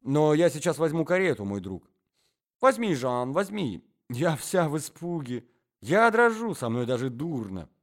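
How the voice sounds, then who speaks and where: A man voicing a flustered, flirtatious society lady who gushes in breathless, shrill exclamations. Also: very animated, normal speed, a little mellow. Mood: gushing.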